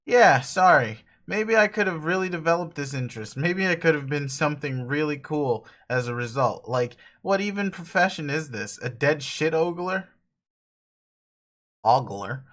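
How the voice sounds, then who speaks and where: A man's voice: on the high side, animated, normal speed, fairly bright tone. A man voicing a cool, ironic teenage boy who swears a lot and rambles, in a dramatic reading of a webcomic. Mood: grumbling. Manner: profane, rambling, laughs a lot.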